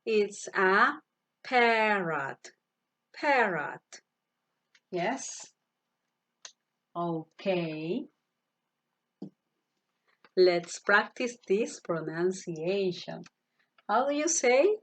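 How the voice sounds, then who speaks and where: Very slow-speaking teacher woman. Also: medium pitch, lively intonation. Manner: slow, repeats each word, asks children to repeat. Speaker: primary school English teacher. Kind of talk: online class, slow vocabulary drill. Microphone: computer mic, virtual class.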